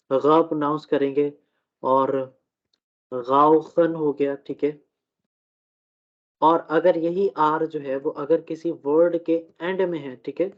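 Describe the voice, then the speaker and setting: A man teaching a live online German class, who talks slowly, checks in often and uses many fillers. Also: a little high. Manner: slow, repeats "theek hai" often, fillers. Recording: dull lo-fi audio.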